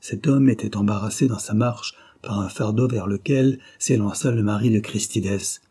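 Husky, dark-voiced male narrator. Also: lowish voice, normal speed. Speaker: audiobook narrator. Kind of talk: scripted narration of a novel.

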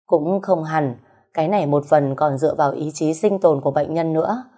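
Woman voicing a calm, grave older male doctor. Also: sits low. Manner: slow, measured.

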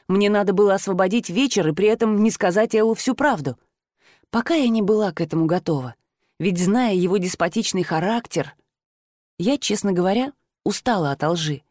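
A woman reads a fantasy audiobook in the first person, with steady, measured storytelling. Her voice is of middle height for a woman and goes up brightly in the heroine's lines. The recording is close and very dry. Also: mid-range voice, no room sound. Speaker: audiobook narrator.

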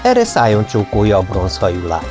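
A man narrating an audiobook novel in a steady, measured storytelling manner. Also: lowish voice, music in the background. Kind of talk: scripted narration.

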